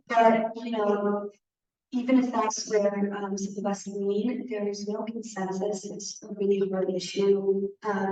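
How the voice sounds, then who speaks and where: A young woman student answers audience questions, pausing often with filler ums. She speaks slowly and evenly. She is picked up from a distance in a very echoey room. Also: mid-range voice, dark tone, slight background noise. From Madison, Wisconsin. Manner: hesitant, many filler ums. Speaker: student presenter. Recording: roomy, distant, dull recording.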